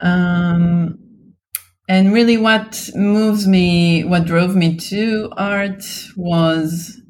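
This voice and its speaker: Speaking in a lowish, darkish voice with fairly even intonation, an Israeli woman appears as a guest artist in an interview. She answers with thought and hesitation, pausing often and saying um a lot.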